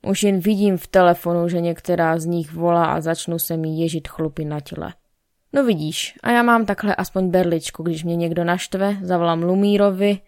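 Low-voiced woman narrating a wry story. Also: hardly any pauses, no echo, clean studio sound. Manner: calm, wry storytelling, voicing both friends in dialogue. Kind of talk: audiobook narration with dialogue.

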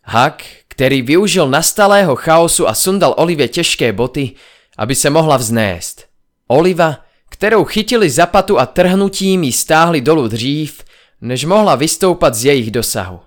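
A man narrating a first-person audiobook with a dramatic, expressive delivery. His somewhat high voice swoops through a wide, animated range, building tension scene by scene.

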